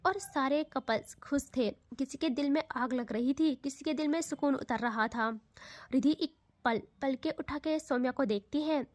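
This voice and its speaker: A woman's voice: sits high, moderate pace, dry recording. A woman narrating an audio love story close to the mic, dramatic and chatty with casual asides.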